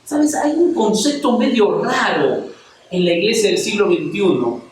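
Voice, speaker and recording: A man's voice: high-pitched, animated, a little slow, background noise. A man preaching a passionate sermon to a congregation, firing rhetorical questions at them as he speaks. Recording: very echoey church hall, mic at a distance.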